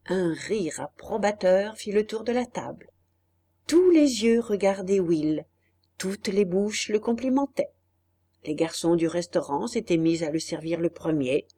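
A woman narrating a classic novel as an audiobook, measured and expressive. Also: medium pitch.

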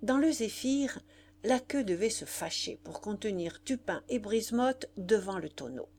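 A woman narrates a literary audiobook at an unhurried pace. Her pitch rises and falls in lively arcs, giving each sentence a careful, expressive shape. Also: slight background noise. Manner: measured, expressive reading.

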